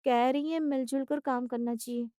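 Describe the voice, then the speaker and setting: A woman's voice: high voice, fairly even intonation, normal speed, clean tone, no room sound, studio quality, voice pushed up, lightly acted. A woman voicing a sweet young daughter-in-law. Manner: soft, polite and eager.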